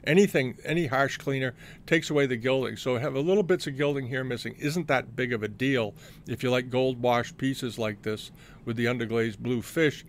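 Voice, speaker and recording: Gravelly middle-aged man rambling on auctions. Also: medium pitch, moderate pace, slight background noise. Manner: rambling, many fillers and restarts. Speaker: antiques show host. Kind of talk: casual commentary on auction results.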